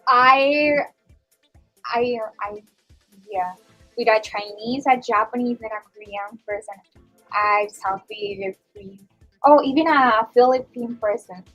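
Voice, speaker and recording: A woman's voice: on the high side, slow pace, fairly bright tone, dull audio, soft background music. A young woman chatting on a school radio show, filling her talk with "like". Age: young adult. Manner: chatty, leans on "like" as a filler. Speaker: student guest on school radio. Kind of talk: casual chat.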